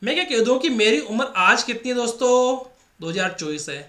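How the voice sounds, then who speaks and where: His pitch is extremely high, his delivery very animated, brisk, bright and forceful. This Rajasthani Hindi-accented math teacher prepares students for an exam by repeating every step and pressing points with rhetorical questions, all in an echoey space.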